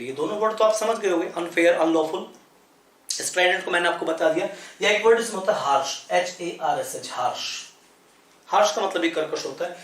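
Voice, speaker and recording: A man's voice: sits high, fairly bright tone, reverberant. A man teaching English vocabulary in a lesson, repeating words, spelling them letter by letter and asking rhetorical questions. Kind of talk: explanatory classroom lesson.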